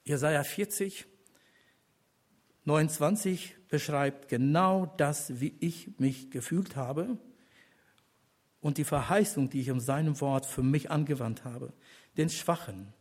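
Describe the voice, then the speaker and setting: An older man, an elder of the church, offers an earnest personal testimony in sermon form. His fairly high, slightly mellow voice moves deliberately with pauses before swelling into emphatic appeals to those gathered.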